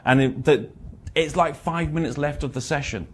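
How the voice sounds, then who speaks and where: A man's voice: normal speed, a little hiss or hum. A middle-aged man giving a presentation as a therapist, a blunt, wry storyteller who swears and swings his voice up and down. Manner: animated, swinging pitch and loudness. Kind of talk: lecture with anecdotes.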